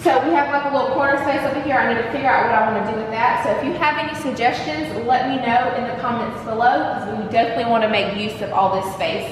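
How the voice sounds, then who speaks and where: Speaking quickly and barely pausing, a woman with a fairly high voice hosts a casual vlog tour of an empty apartment, chatty, upbeat and full of fillers. The bare rooms give a big, hall-like echo, she sounds off-mic and distant, and the background is noisy.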